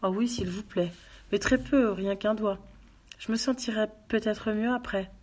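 A woman voicing a soft-spoken widow who pleads sweetly and quietly schemes. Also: medium pitch, steady tone, measured pace, pitched above the performer's own voice, close to an everyday voice. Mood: gentle.

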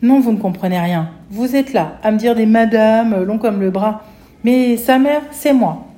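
A woman reading aloud, voicing a desperate, tearful mother with a gun who shouts and pleads. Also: on the high side, lively intonation, normal speed, voice pushed up, natural voice. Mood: distraught. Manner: loud, pleading.

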